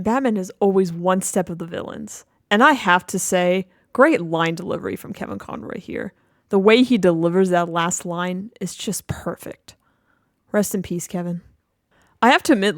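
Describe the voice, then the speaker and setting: A woman's voice: lowish voice, moderate pace, no room sound. Woman host, casual commentary, dry sound. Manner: enthusiastic fan, exclaiming. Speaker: video host. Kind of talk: casual reaction commentary on game audio.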